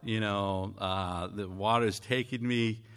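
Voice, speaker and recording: A man from Mexico giving a conversational church sermon, earnest and halting as he speaks. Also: on the low side, fairly even intonation, fairly bright tone, clear, resonant tone. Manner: earnest, halting with frequent fillers. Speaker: pastor.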